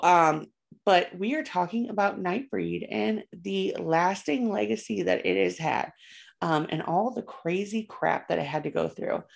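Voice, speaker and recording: A woman's voice: lowish voice, gravelly. A young woman co-hosting a casual horror podcast, chatty and profane, with lots of fillers. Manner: chatty, swears freely, many fillers. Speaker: podcast co-host.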